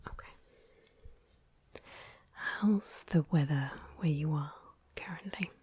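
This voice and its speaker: Slow, whispering woman doing ASMR. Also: low-pitched, fairly even intonation, husky. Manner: soft, slow, gentle whispering. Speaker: ASMR creator. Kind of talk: ASMR whispered interview roleplay.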